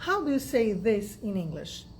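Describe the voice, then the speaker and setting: A woman teaching English in a casual video lesson, talking lively and directly to the viewer. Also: medium pitch, unhurried, a little hiss or hum. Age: 50s.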